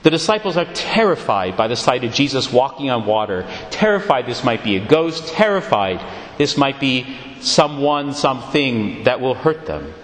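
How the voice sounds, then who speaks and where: A man preaching a sermon in a church, retelling scripture in a measured, expressive way. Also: medium pitch. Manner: expressive, measured storytelling delivery. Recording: echoey church hall.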